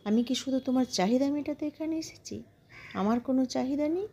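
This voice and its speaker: A woman's voice: mid-range voice, fast, mellow, slight background noise, natural voice. Storybook robot girl, wounded and coolly sulky, read by a woman. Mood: hurt. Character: sulky female household robot, jealous and sly.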